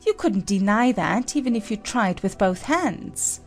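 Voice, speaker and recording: A woman's voice: medium pitch, lively intonation, a little slow, soft background music. A woman playing a stern, bossy, haughty queen who lectures sharply in a storybook drama. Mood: impatient.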